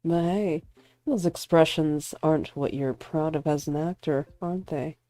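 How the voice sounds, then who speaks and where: A woman voicing a smug young male actor who teases and provokes his rival, calm and mocking. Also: sits low, moderate pace, dry recording, natural voice. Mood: smug teasing.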